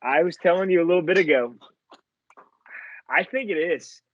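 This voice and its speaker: A man's voice: on the high side, no echo, dull audio. A man from the Philadelphia and New York area with a New York accent, co-hosting a casual sports betting podcast, rambling and correcting himself as he goes. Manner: rambling, self-correcting, fast bursts. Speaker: podcast co-host.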